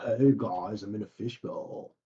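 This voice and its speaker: Laid-back male co-host, mellow low-key tone, voice muffled as if inside a fishbowl. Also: unhurried, slightly rough. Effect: muffled mic that sounds like inside a fishbowl. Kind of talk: casual live-stream chat.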